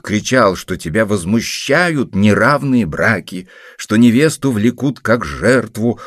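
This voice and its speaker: A man's voice: fairly low pitch, no echo, voice pushed up. A man voicing a dry, mocking middle-aged uncle in a storybook reading. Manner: mocking, blustering.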